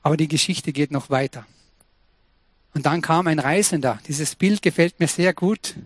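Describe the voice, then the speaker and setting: A man's voice: a little high, moderate pace, no room sound. Earnest man preaching a sermon. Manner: earnest, personal, speaks directly to listeners. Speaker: pastor.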